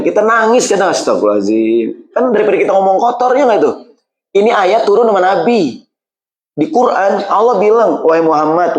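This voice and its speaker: A man preaching a casual sermon in a mosque. He talks in lively slang and jumps high in pitch when he quotes other people. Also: rough recording.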